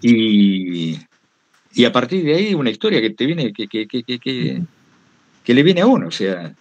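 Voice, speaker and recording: The audio is dull, but this man's mid-range voice comes through very animated at a normal speed, with a Rioplatense Argentine accent. As a guest storyteller at a talk, he tells anecdotes casually, goes off on tangents, and acts out what people said.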